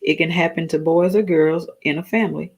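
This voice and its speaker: A woman's voice: low voice, steady tone, fairly quick, a little mellow, husky, muffled recording. A tired woman with a slightly worn voice hosts a casual solo talk. She speaks earnestly, halts and restarts, and reads definitions aloud. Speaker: talk stream host.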